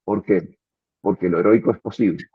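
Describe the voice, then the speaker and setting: A man's voice: low-pitched, normal speed, breathy edge, dry recording. Earnest man on a tinny line. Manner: earnest, reflective, repeats words while thinking. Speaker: philosophy commentator. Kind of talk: philosophical conversation.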